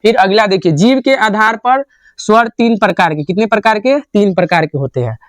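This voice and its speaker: A man's voice: high-pitched, moderate pace, dry recording, clean studio sound. A young man teaching grammar in a classroom lecture style. He asks a question, answers it himself and repeats the answer.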